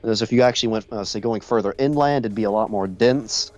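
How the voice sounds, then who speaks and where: A congested man narrating as game master, halting with many restarts and fillers, who keeps clearing his throat. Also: fairly low pitch, darkish tone.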